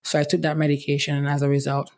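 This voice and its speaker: A young woman hosts a casual solo podcast, chatting candidly while medication affects her voice and often saying "let me tell you." Her voice is deep, a little mellow and monotone, and she talks in a rapid-fire rush.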